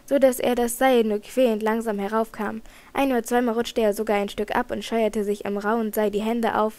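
A woman reading a children's adventure novel aloud in even narration, with occasional slips she corrects. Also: fairly high pitch. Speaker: audiobook reader.

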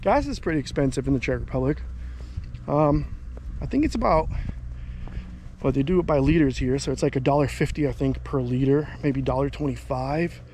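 A man in his thirties vlogs casually while walking along a country road outdoors, rambling and thinking aloud. His voice is medium-pitched with a darkish tone, and he talks a little fast. It's recorded on a handheld camera at arm's length, with a little hiss or hum.

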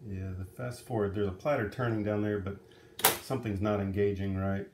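A middle-aged man, a vlogger and vintage audio hobbyist, talks a little fast in a low voice with little pitch movement. Indoors in a room at home, he gives a casual, unscripted demonstration, conversing and thinking aloud as he handles things, with background noise around him.

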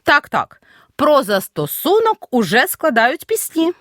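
A woman teacher giving an audio grammar lesson, stressing each example word clearly. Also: sits high, wildly swooping pitch, a little slow, fairly bright tone. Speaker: Ukrainian language teacher.

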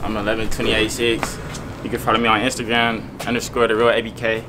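Young rapper, easygoing slang. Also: male voice, lowish voice, completely flat delivery, fairly quick, music in the background. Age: 20s. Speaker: rapper, guest. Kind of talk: casual interview. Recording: noisy background.

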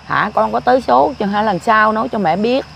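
Older woman, gravelly, rambling repetitive storytelling, faint background noise. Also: fairly high pitch, a little fast. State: often ill. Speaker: grandmother interviewed. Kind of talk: casual storytelling.

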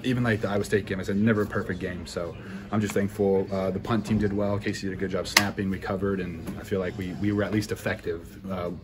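Fast-talking upbeat young man in a noisy room. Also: deep voice, little pitch movement. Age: young adult. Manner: upbeat, grateful, talks quickly. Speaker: college football punter. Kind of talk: postgame press interview. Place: busy postgame interview area indoors. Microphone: handheld recorders and phones held close.

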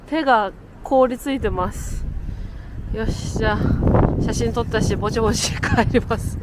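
A woman's voice: on the high side, noisy background. A woman, chatting to her camera as she walks around a city outdoors, laughing often. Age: 30s. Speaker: travel vlogger. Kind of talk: casual travel vlog narration. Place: outdoors in a windy, cold city.

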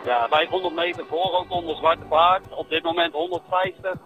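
A man's voice comes through a police radio, slightly high-pitched, speaking in short, clipped bursts the way officers call and acknowledge traffic. Music hums faintly underneath. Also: huge pitch swings, normal speed, gravelly. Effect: police radio transmission.

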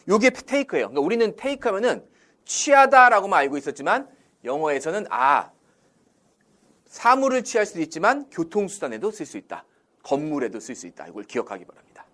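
A man's voice: on the high side, quick pace. A man teaching English in Korean, drilling phrases with call-and-response questions and acting out example lines. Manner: acts out Korean example sentences in a lively voice. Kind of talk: classroom-style language lesson.

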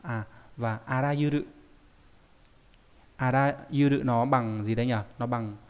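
Male language teacher, mid-pitched, explaining a reading text and quizzing himself aloud. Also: fairly even intonation, clean tone, long reverb tail. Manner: rhetorical questions answered himself, slow careful Japanese readings. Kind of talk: reading lesson explained in Vietnamese.

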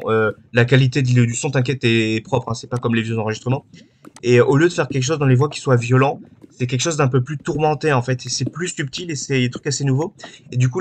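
A man's voice: medium pitch, a little hiss or hum. A man hosting a gaming channel, chatting casually while he plays, rambling and hesitant with many fillers. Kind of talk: casual chat while playing.

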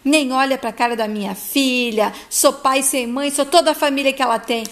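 A woman voicing a firm, defiant single mother protecting her children, in a high voice. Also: steady tone, moderate pace, a bit bright.

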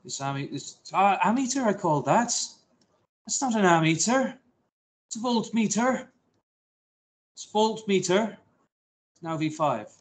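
A man's voice: high voice, lively intonation, unhurried, pauses often, poor audio. A man teaching a science lesson to his class, talking through a simulation with jokey, self-deprecating asides.

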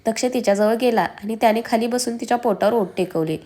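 A woman narrating a serialized family story, expressive and reading every character herself. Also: a little high, fast.

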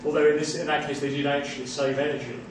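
In a small seminar room, a man answers a question during a seminar, responding conversationally and restarting phrases as he thinks. His voice is fairly high and completely flat, and he talks fast. A far-off room camera mic picks him up, leaving the audio echoey with background hiss.

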